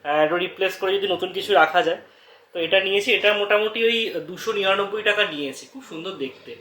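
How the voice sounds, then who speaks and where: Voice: medium pitch, very fast, sharp tone. A co-presenter chatting casually about the shopping, explaining prices and details. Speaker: co-presenter, family member. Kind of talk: casual chat. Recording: echoey room, faint noise.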